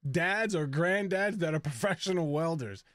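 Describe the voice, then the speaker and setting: A man's voice: fairly high pitch, animated, moderate pace, fairly bright tone. A man co-hosting a casual recap show, talking in a chatty way and laughing often mid-sentence. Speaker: podcast co-host.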